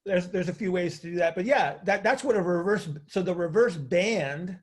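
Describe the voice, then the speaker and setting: This coach speaks at normal speed in a high-pitched male voice. Leading a group call like a teacher in conversation, he keeps asking whether people follow and repeats key phrases to stress them.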